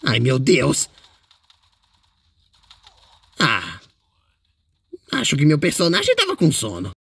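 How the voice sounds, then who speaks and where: A boastful, playful male ink demon, voiced by a fan performer commentates his own game. The voice is gravelly with a husky edge, and the pitch leaps up and down constantly. He keeps exclaiming and bragging. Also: huge pitch swings, unhurried, fairly bright tone, dry recording, exaggerated voice. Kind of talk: in-character gaming commentary.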